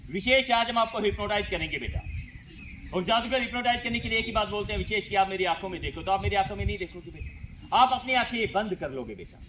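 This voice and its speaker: A man's voice: high voice, quick pace. A man performing as a stage magician at a school event, telling stories and repeatedly addressing the children. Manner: repetitive, lively storytelling, keeps addressing the children. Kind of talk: magic show patter for schoolchildren. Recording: noisy school show recording.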